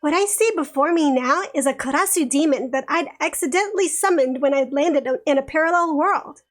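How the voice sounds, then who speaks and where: A woman streaming a visual novel, chatting with viewers and reading the story aloud with frequent laughs. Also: sits high. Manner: giggly and chatty, reads narration slowly.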